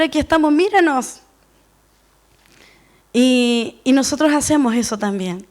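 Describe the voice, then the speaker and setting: High-voiced woman preaching. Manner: earnest, personal, includes herself with the listeners. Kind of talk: sermon.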